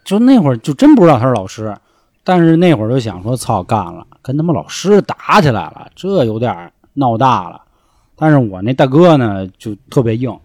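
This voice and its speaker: A young man tells a rowdy story from his school days in a casual chat, cursing freely as he goes. His voice leaps up and down in pitch as he acts out the shouting in the story. The recording is dry and close, with no room sound. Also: sing-song, fairly quick, dry recording. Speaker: storyteller guest.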